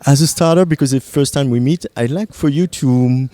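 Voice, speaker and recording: A man with a French accent asking interview questions on the radio, hesitant with many pauses. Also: mid-range voice, dark tone, dry recording. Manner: hesitant, many "uh" and frequent laughs.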